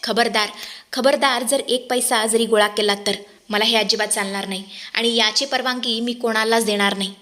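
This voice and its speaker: Woman doing a furious proud village girl, sharp defiant voice. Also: on the high side, steady tone, moderate pace, lightly acted. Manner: angry, defiant outbursts. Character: fiery proud poor young village woman.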